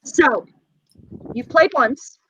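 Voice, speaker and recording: A woman's voice: sits high, extremely slow, a bit bright. A woman hosting a casual interview, asking questions and talking in an encouraging way. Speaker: interview panel host. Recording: dull lo-fi sound, faint noise.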